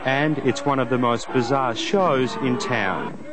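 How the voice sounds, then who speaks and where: Loud background noise runs under an Australian man's voice-over. He narrates a scripted television feature with wry, tongue-in-cheek delivery at a medium pitch. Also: slow pace. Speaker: TV reporter.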